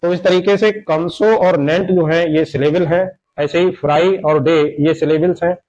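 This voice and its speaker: Male teacher, slightly high voice, patient explainer, lo-fi mic. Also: fairly even intonation, darkish tone. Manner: slow, explanatory, repeats examples. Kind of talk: Hindi grammar lesson lecture. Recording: dull lo-fi sound.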